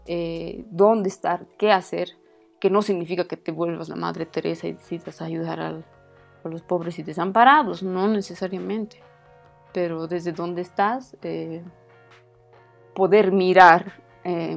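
A woman's voice: fairly low pitch, creaky, a little mellow. A young Bolivian woman from a comedy channel, chatting as a guest and thinking aloud with restarts and fillers. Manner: thoughtful, hesitant, many restarts and fillers. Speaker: guest, comedy YouTube creator. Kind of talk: casual chat.

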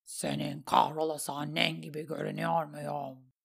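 A woman voicing a wounded, hulking male warrior who speaks low, curt and scornful. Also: little pitch movement, normal speed, creaky, husky, full character voice. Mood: contemptuous.

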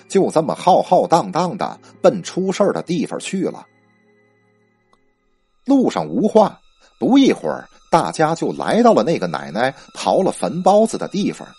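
A man narrating a ghost story with lively spoken storytelling and a husky voice. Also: a little high, normal speed, soft background music.

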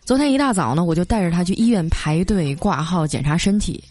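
A woman hosting a comedy segment, telling funny everyday stories in a chatty, lively radio style. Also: on the low side, a little fast, faint music behind. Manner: chatty, lively, sprinkles filler particles. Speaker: host of a comedy story segment.

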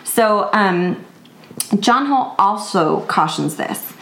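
A woman's voice: mid-range voice, lively intonation, takes it slowly, a bit bright, roomy sound, rough recording. A woman in her thirties co-hosting a casual parenting podcast, reading quotes aloud and laughing often. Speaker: podcast co-host. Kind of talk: casual chat.

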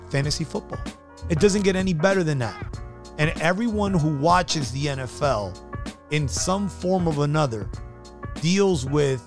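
A man's voice: on the high side, no echo, studio quality. A man hosting his own sports talk show, introducing it with energy and repeating words for emphasis. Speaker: podcast host.

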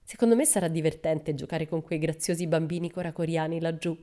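A woman's voice: sits low, fairly even intonation, a little fast, mellow, natural voice. A woman voicing a boisterous, cheerful young girl adventurer who keeps exclaiming with delight, in a storybook reading. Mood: exuberant. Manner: exuberant, exclaiming.

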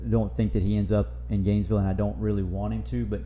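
A man's voice: on the low side, level tone, quick pace, dark tone, slight background noise. A man co-hosting a casual sports podcast, speaking emphatically and often repeating himself.

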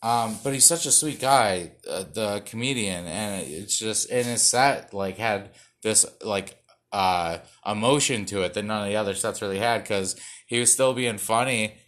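A young man with a lowish but bright, forceful voice talks through a loose stand-up set read off cards. He rambles, stumbles, swears and mocks himself between jokes. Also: moderate pace. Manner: self-mocking, profane, rambling with many fillers and restarts. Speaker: stand-up comedian.

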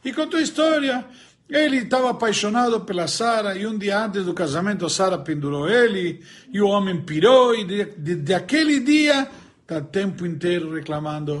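Lively man telling a teaching story. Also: high voice, normal speed. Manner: animated storyteller, voices characters, searches for words aloud. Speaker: religious teacher. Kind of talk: Torah lesson with told stories and a joke.

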